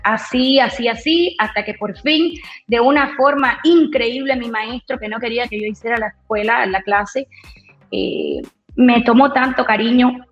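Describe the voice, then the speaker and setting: A woman radio announcer telling her story in an interview, bold and lively, acting out the voices of people she quotes. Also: on the high side, measured pace. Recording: roomy echo, dull lo-fi sound, faint music.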